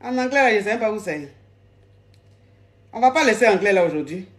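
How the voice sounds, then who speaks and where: A woman's voice: mid-range voice, expressive, fairly quick, a bit bright. A woman hosting a live call-in advice stream, playful and repeating her phrases.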